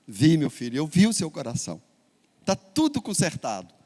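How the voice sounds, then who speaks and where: Man voicing a gentle, shaken surgeon. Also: on the high side, wildly swooping pitch, normal speed, voice pushed down. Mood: tender. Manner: soft, tender reassurance. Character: gentle middle-aged male surgeon, shaken.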